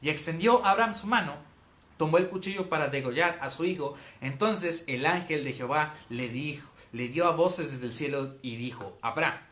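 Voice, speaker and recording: A man's voice: a little high, moderate pace, a bit bright. A man giving a casual, conversational Bible teaching as a preacher, often checking in with his listeners. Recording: roomy echo.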